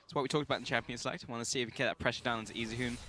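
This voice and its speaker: A man calling play-by-play on a live esports match, with rapid calls of the action. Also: medium pitch, fairly even intonation, sharp tone, slight background noise. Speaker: esports commentator.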